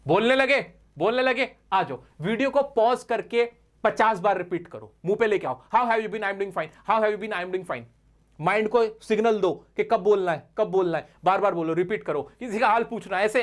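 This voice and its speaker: A man teaching spoken English, drilling short phrases through repetition and urging the listener to repeat along in blunt pep-talk style. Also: high voice. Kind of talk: spoken language lesson.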